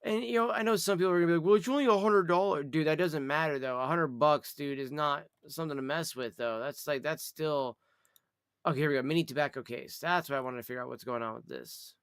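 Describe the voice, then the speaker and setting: A man's voice: a little high, fast talker, a bit bright, smooth, no echo, studio quality. A man chatting casually and thinking aloud as he hosts a live review, in a loose, slangy way. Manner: slangy, addresses listener as dude or by name. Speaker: host of a pipe tobacco review show.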